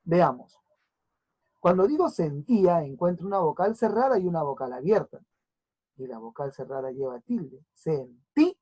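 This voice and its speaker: In a muffled recording, a female teacher gives a grammar lesson in a low, dark, breathy voice with big swings in pitch. She spells out syllables slowly and keeps checking whether her students understand.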